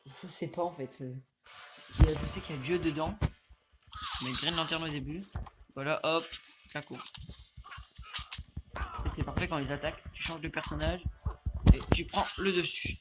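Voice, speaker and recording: A man's voice: on the high side, moderate pace, pauses often. A young man from France giving casual, rambling commentary while playing a fighting game, now and then talking back to the screen. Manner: rambling, excitable, mutters to the game. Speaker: gaming youtuber. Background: game music.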